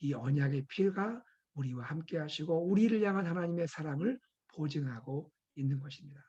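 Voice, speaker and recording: A male pastor preaching an earnest devotional sermon, asking rhetorical questions and letting his voice drop soft at phrase ends. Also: on the high side, expressive, a little fast, husky, highs cut off. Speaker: senior pastor.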